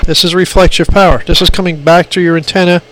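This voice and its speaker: On an amateur phone recording with some hiss and roughness, a radio hobbyist demonstrates his equipment in an informal hands-on tutorial. He speaks quickly in a high, fairly bright, fairly even voice, plainspoken and emphatic, repeating his points.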